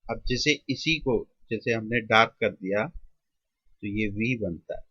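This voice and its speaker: A man teaching shorthand step by step, drawing out and repeating each sound with pauses, in an Indian Hindi-English mix. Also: on the low side, sharp tone, husky, dry recording, highs cut off. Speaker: shorthand tutor. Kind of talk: step-by-step classroom explanation.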